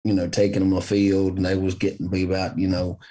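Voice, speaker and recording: A man's voice: low voice, completely flat delivery, quick pace, mellow. A man with a Southern US accent chatting casually and telling stories in a folksy, earnest way, repeating himself for emphasis. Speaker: hunter in conversation. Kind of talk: casual conversation, storytelling.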